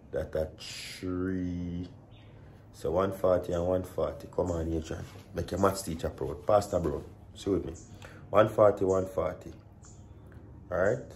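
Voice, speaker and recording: A man's voice: sits low, warm tone, slight background noise. A man with a Jamaican accent talking casually to viewers as a vlog host, explaining things conversationally and often checking that they follow. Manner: conversational, repeats points and checks in with "right?" and "you see".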